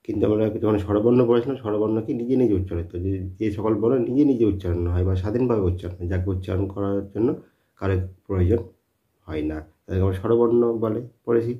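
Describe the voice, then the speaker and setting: A man's voice: on the low side, fast. A man teaching a spoken lesson, who repeats his points and answers his own questions. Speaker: English teacher. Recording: dull lo-fi sound.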